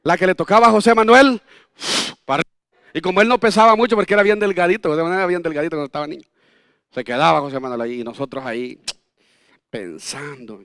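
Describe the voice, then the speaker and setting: A man's voice: on the high side, quick pace, a bit bright, no echo, studio quality. A man in his fifties preaching a sermon as pastor, telling folksy personal stories with jokes and rhetorical questions. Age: 50s.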